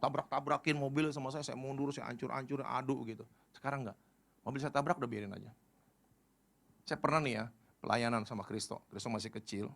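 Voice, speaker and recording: A middle-aged male pastor giving a casual youth sermon, animated and full of colloquial slang, jumping from loud appeals to quiet stories. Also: medium pitch, brisk, gravelly. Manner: animated, swings from loud pleas to quiet asides; storytelling with colloquial Jakarta slang.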